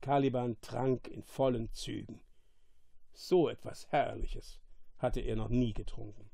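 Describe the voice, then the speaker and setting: A man reading a storybook aloud in a calm, measured narrating voice. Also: medium pitch, gravelly, husky, no echo. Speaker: reader.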